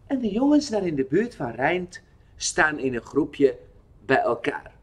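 A man telling a Bible lesson story to children in an expressive way, asking the listener questions. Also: fairly high pitch, a little slow, husky.

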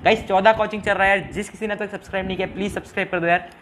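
A man's voice: high-pitched, steady tone, racing, fairly bright tone, slight background noise, rough recording. A young man hosting a casual live game stream, reading viewer comments aloud, mixing English into Hindi and often pleading for subscribers. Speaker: live-stream gaming host.

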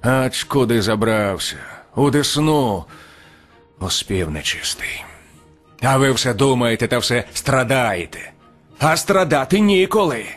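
A man voicing a gruff, scornful old grandpa ferryman in an audiobook, scolding in blunt folk speech. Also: mid-range voice, very animated, a little slow, a bit bright, soft background music. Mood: grumbling. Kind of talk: audiobook character reading.

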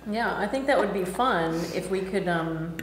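A woman's voice: lowish voice, expressive, moderate pace. A woman co-host chatting enthusiastically about food and wine. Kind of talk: casual chat over food and wine. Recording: echoey room, faint noise.

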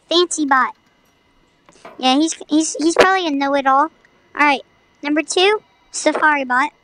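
A woman streams a video game, giving chatty, playful, mock-dramatic commentary in a high, somewhat bright voice. It's casual livestream gameplay talk captured on a rough recording.

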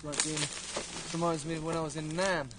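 An actor plays a joking young British man behind the camera in a found-footage film. He talks fast and casually over noisy handheld outdoor sound. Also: a little high, little pitch movement, natural voice. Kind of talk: naturalistic found-footage horror film dialogue. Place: outdoors in woods at night.

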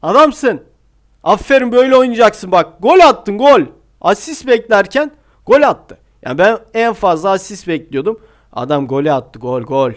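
Young male gamer for a football match commentary, high voice, bursts into sung goal shouts then mutters. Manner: shouts and half-sings goals, then drops to low mutters. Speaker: gaming YouTuber playing a scout role. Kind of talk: excited live commentary of a mobile football match.

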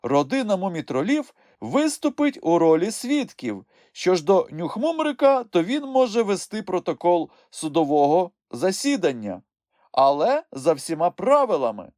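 A woman's voice: lowish voice, sing-song, moderate pace, dark tone, no room sound, clean studio sound, pitched above the performer's own voice. A woman voicing a pompous young male creature who plays judge, speaking in a stern, officious, clipped way.

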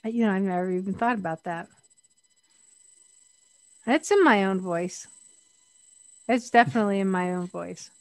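A woman's voice: medium pitch, normal speed, long pauses, darkish tone, dry recording. A middle-aged woman, a guest on a podcast interview, speaking candidly and laughing often.

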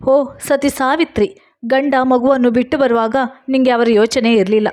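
A woman's voice: high voice, steady tone, moderate pace, darkish tone, pitched above the performer's own voice, natural voice. Woman narrator doing a mean sneering young guy, angry and mocking, storybook reading. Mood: angry, scornful. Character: angry scornful young man, the lover.

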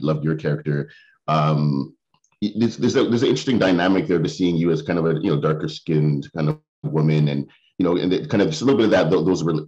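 Very deep-voiced male interviewer, halting. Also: a little mellow. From Barbadian family, raised in Canada. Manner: rambling, halting questions with many restarts. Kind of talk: casual interview questions. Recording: dull lo-fi sound.

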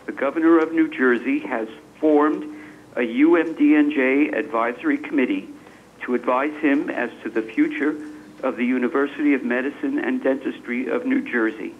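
A man speaking over the phone, reading a prepared statement as a public commenter in a formal, measured way, in short phrases. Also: medium pitch. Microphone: telephone. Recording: tinny phone line with faint noise.

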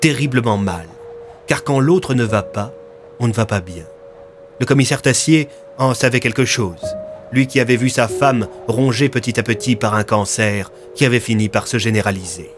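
A man reading a dramatic audio story in a steady, expressive voice. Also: mid-range voice, moderate pace. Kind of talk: scripted dramatic narration. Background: faint music.

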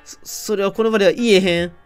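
A man voicing the spirit of a murdered man from Kansai, speaking through someone else's body in an exaggerated, slow, low fake Kansai dialect. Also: fairly even intonation, clear, resonant tone, soft background music, natural voice. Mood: solemn. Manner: slow, low, theatrical spirit-medium delivery.

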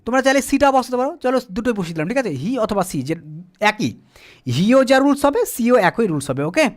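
A male teacher whose first language is Bengali is running a beginner English lesson at a board. He talks patiently and keeps putting questions to the class, then answers them himself. Now and then he slows down to spell a word letter by letter. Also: extremely high pitch, very animated.

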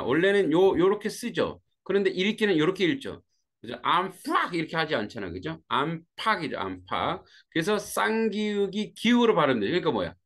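A male teacher walks his students through a grammar lesson, his voice rising and falling as he explains. He checks in with the class after each point and stays conversational. He is teaching from a warm room with a fan. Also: mid-range voice. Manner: greets students by name as they join.

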